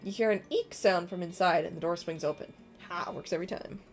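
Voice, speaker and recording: A woman's voice: on the low side, fairly quick, soft background music. A woman casually playing through a game, reading its text aloud and dropping in offhand asides. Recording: clear background noise.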